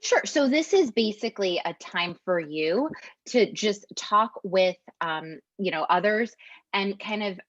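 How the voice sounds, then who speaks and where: A woman co-facilitating a workshop over a video call, relaxed and hesitant, with lots of fillers. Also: medium pitch, unhurried, no echo. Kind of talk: casual video-call discussion. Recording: dull lo-fi call audio.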